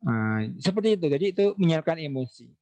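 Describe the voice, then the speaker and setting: Lively man answering parents' questions. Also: on the high side, fast talker. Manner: lively, reads out questions and acts out examples. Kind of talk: casual Q&A talk to parents.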